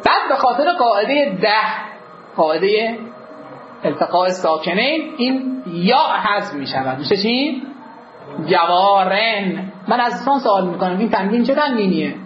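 A male teacher giving a classroom grammar lecture, his pitch rising and falling a lot as he quizzes the class and answers his own questions. He draws out the key words. The recording is roomy and dull, with a faint hiss underneath. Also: big pitch swings.

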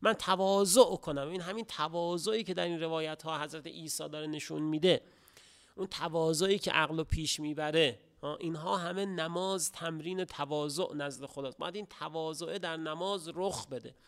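A middle-aged man giving a religious lecture, speaking haltingly with pauses and restarts, then rising to emphatic stresses. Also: fairly high pitch.

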